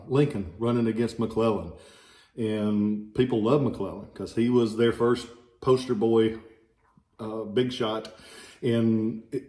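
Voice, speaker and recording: In an echoey room, a man with a lowish, dark voice and a slight Southern American accent shows off ballots as a relic dealer. His casual informational video rambles along in a folksy way, full of joking asides.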